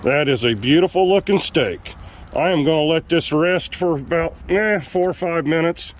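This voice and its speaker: A man hosting a casual outdoor cooking vlog, talking in a relaxed way with frequent ums. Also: a little high, normal speed. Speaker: outdoor cooking channel host. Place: outdoors at a camp stove.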